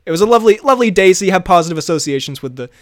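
A man's voice: sits high, animated, rapid-fire, no echo, studio quality. A man co-hosting a podcast in casual chat, rambling and laughing often. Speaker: podcast co-host.

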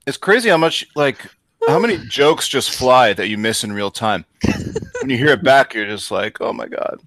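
A man's voice: mid-range voice, expressive, moderate pace, a bit bright, no room sound. A man who is game master, narrating a tabletop game in an easygoing way and laughing often.

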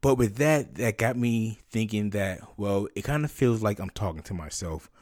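A man with a low voice talks as a solo podcast host, explaining things in a conversational, step-by-step way. He addresses one listener directly and personally. The sound is dry and close, with very little room on it. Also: moderate pace, darkish tone, dry recording.

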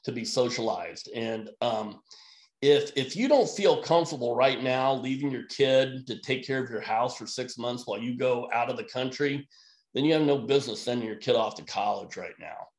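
A man who works as an emergency physician speaks as a podcast guest, blunt and emphatic, at a middle pitch. His voice carries a noticeable room echo. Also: moderate pace. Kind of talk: podcast conversation.

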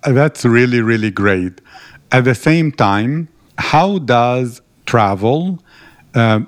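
A man's voice: medium pitch, clean tone, no room sound, clean studio sound. A man hosting an interview, asking long, winding questions. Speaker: podcast host.

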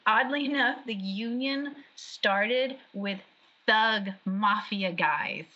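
A woman, an actress and background artist, chatting in an interview in an animated way with quick restarts. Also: medium pitch. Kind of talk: casual interview chat. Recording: dull lo-fi audio.

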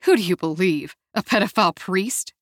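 A woman's voice: medium pitch, animated, moderate pace, a bit bright, dry recording, studio quality. A woman voicing a tough young man who survived a cartel, talking bluntly and coarsely.

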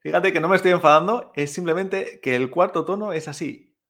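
A man's voice: high voice, fairly quick, a bit bright. A man teaching Mandarin tones in as a patient, encouraging podcast teacher who models each sound aloud and checks in often with short tag questions. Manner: frequent tag questions like "¿vale?" and "¿eh?". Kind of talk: podcast lesson.

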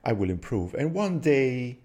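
A non-native English-speaking man in reflective casual conversation, pausing to search for words as if translating in his head. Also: medium pitch, sing-song, dark tone. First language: not English.

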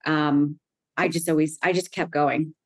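A middle-aged woman with a slightly low voice tells her story earnestly as an interview guest. She talks fluently and keeps checking in with her listener by asking "right?". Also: steady tone, a little slow. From United States. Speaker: guest, anxiety coach. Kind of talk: conversational interview.

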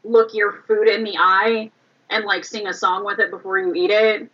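A woman's voice: mid-range voice, flat delivery, moderate pace, husky. A woman in casual podcast chat, musing aloud and full of fillers. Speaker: podcast guest. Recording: dull lo-fi sound.

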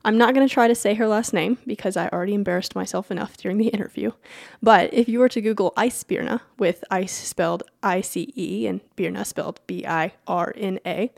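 A woman's voice: mid-range voice, a little fast, gravelly, dry recording, studio quality. A woman podcast host who reads her show's announcements and introduction, then chats with a guest, talking in a chatty way, apologizing and laughing easily. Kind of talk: scripted podcast intro and casual interview.

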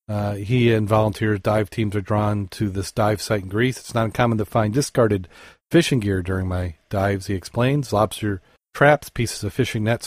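A man co-hosting a podcast, reading dive news articles aloud and chatting, halting with fillers and self-corrections. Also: fairly low pitch, a little mellow, dry recording, clean studio sound. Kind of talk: casual news reading and chat.

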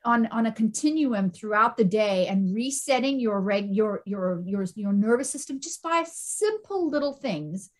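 A middle-aged woman, a stress and anxiety coach, talking as a guest in a casual interview, animated, often repeating words and asking "right?". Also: mid-range voice, measured pace, few pauses.

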